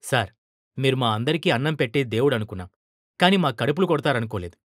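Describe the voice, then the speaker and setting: A man's voice: mid-range voice, animated, quick pace, no echo, studio quality, natural voice. A man voicing monstrous, clawed male reporters who plead and reproach in a fable-like audio story. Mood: reproachful.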